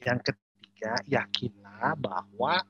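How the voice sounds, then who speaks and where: A church speaker answering questions in an animated, teasing way and joking often. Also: male voice, medium pitch, takes it slowly, muffled recording, a little hiss or hum. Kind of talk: joking discussion talk.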